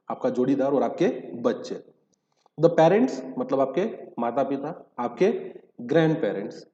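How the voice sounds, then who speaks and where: In a dull, echoey hall recording, a teacher with a mellow mid-range voice lectures, explaining terms by posing questions and answering them himself. Between stretches of spoken Hindi, he reads out English legal text.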